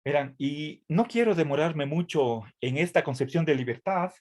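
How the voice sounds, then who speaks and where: At a moderate pace, a university lecturer with a fairly high, darkish voice and lively intonation gives a tutoring lecture. His careful explanations are hesitant, packed with fillers and restarts, and he keeps asking "¿sí?" to see if his students follow.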